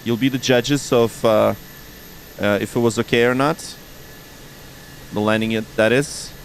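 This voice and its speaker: A man talks casually to live viewers while playing pilot in a flight simulator. His voice is mid-range, informal and chatty, with a little hesitation. A faint cockpit rumble sits behind it. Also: steady tone, unhurried, poor audio. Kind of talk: casual live stream commentary.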